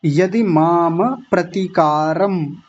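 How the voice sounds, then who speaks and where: Teacher correcting students' Sanskrit recitation: very slow, deliberate modelling of sounds, muffled low-fidelity recording. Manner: slow, drawn-out syllable-by-syllable pronunciation, then quick explanations. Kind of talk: online recitation class, correcting pronunciation. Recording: dull lo-fi audio.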